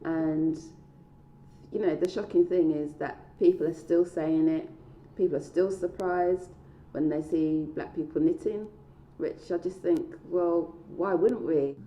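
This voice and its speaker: Low, very mellow British woman in echoey space. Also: steady tone, measured pace. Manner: conversational, playfully questioning herself. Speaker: knitter and textile researcher giving a talk. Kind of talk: self-filmed talk staged as a conversation with herself. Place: indoor staircase at home. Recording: dull, echoey stairwell sound.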